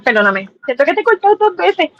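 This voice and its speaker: A young Puerto Rican woman chatting on a live stream, animated, dropping English words and acting out quotes. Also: very high-pitched, quick pace, no room sound, dull audio. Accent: Puerto Rican Spanish. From Puerto Rico. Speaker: former pageant contestant, guest.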